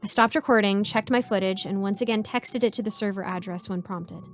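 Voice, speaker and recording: A woman narrating a first-person horror story in a measured, suspenseful way. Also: mid-range voice, faint music behind.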